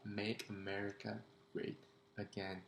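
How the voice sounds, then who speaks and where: Gravelly, low-voiced man chatting casually. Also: monotone, a little slow, echoey room, slight background noise. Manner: conversational, tags lines with "right?".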